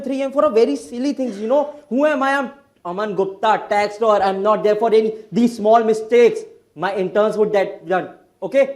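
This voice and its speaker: A man's voice: high voice, darkish tone. An Indian-accented man playing a stressed, boastful tax lawyer who bursts into agitated rants. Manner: rapid agitated outbursts, mixes Hindi and English. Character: frazzled overworked male tax lawyer, anxious, boastful. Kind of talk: stage drama acting.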